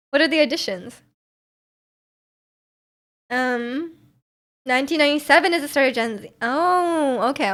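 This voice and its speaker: Her voice is high and a bit bright. She's a woman in her twenties on a casual stream, reading viewer messages, chatty and giggly, with frequent laughter.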